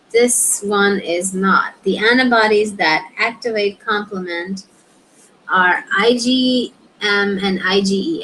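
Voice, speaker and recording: A woman's voice: mid-range voice, a bit bright, a little hiss or hum, poor audio. A young woman reviewing exam questions, reading answer explanations aloud and muttering short asides to herself as she works them out. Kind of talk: thinking aloud while studying.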